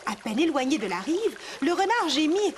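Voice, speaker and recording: A woman with a Quebec French accent reading a children's story aloud as a mother, with animated expression, in a kids' cartoon. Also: high-pitched, normal speed, a little hiss or hum.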